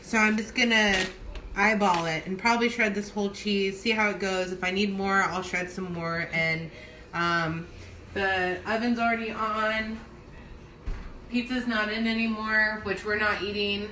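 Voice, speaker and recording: A woman's voice: mid-range voice, fairly even intonation, measured pace, bright, forceful tone. A woman giving a casual home cooking demo, chatting informally and thinking aloud in a loose, giggly, tipsy way. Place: home kitchen. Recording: noisy home recording with kitchen ambience.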